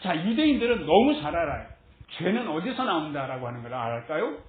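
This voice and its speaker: A woman's voice: low-pitched, big pitch swings, a little fast. A woman teaching a Bible passage in a sermon style, asking her listeners many rhetorical questions and laughing lightly between phrases. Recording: tinny phone-like sound with roomy echo.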